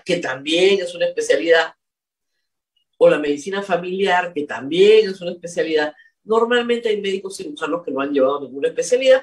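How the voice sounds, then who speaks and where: Commentator going off, emphatic and scolding, bouncy pitch, a bit far from the mic. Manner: emphatic, scolding, repeats points for effect. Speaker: political commentator. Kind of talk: indignant spoken commentary.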